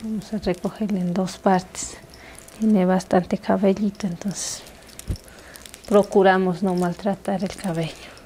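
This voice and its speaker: Young woman doing asmr massage talk, slow and mellow, soft intimate near-whisper, some room noise behind. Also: mid-range voice, flat delivery. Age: young adult. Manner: hushed, intimate, soothing soft-spoken delivery, dropping into whispers. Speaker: massage practitioner. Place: small living room, indoors.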